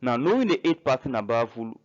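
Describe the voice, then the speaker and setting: A man teaching a French grammar lesson in English, listing verbs slowly and spelling out word endings letter by letter. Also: mid-range voice, sing-song, dull audio. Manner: spells words out letter by letter, pauses between listed verbs. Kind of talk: slow grammar lesson narration.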